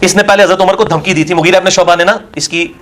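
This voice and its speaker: A Pakistani man, a religious scholar answering questions in a heated Q&A, scornful and forceful, firing rhetorical questions. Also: high voice, fairly even intonation, a little hiss or hum.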